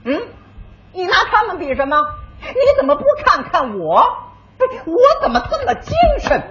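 A man's voice: very high-pitched, wildly swooping pitch, normal speed, bright, forceful tone, full character voice. A man playing a boastful, bossy restaurant manager in a stage comedy sketch, teasing his new worker. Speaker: comic sketch actor. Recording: dull lo-fi archive with faint noise.

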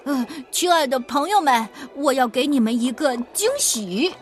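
Brief: swaggering storybook hero cat, high and lively, a woman putting it on. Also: normal speed, faint music behind. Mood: cheerful. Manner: swaggering, confident and playful.

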